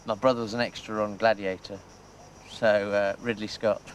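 A man's voice: fairly low pitch, level tone, moderate pace, a little hiss or hum. A man being interviewed, talking casually and hesitantly with fillers. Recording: music clearly behind the voice.

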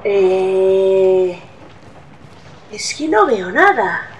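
A woman's voice: medium pitch, big pitch swings, drawn-out words, far from the mic, a little hiss or hum, low-quality recording. A woman with a Spain accent giving casual horror game commentary, swearing often and easily startled. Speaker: gameplay streamer.

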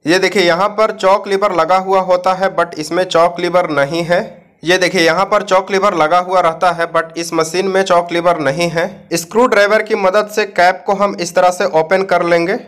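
A man's voice: sits high, steady tone, moderate pace, fairly bright tone. A man from India explaining a machine repair step by step, talking straight to viewers in a plain instructive way. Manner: plain instructive talk, addresses viewers directly. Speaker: repair channel host.

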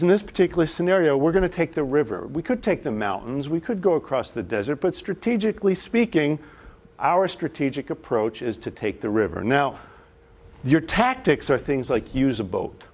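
In this live business presentation, the man's voice is fairly high and sing-song, his pace moderate. He facilitates for an executive audience, sharing stories in a chatty manner and asking the room questions.

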